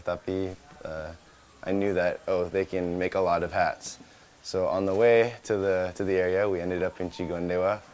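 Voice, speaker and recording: A young Californian man who founded a small company chats casually in an interview, restarting often and slipping in Indonesian words. His voice sits low.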